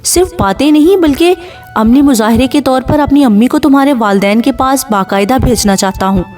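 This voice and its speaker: A woman voicing a persistent young man on the phone who talks in a calm, coaxing way. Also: high-pitched, recorded from a distance, soft background music, pitched above the performer's own voice, lightly acted. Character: persistent young man caller, smooth and insistent.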